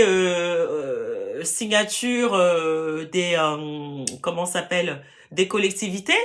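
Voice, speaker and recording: Answering viewers' comments in a firm, direct way, this woman runs a live stream selling land. She's from France with a Parisian accent, and her mid-range voice has a fairly bright tone.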